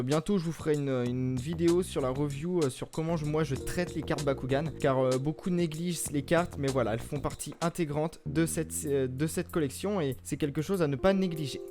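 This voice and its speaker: A man hosting a casual unboxing video at home, chatty and often hesitating with fillers. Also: a little high. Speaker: YouTube host. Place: home set in front of a green screen.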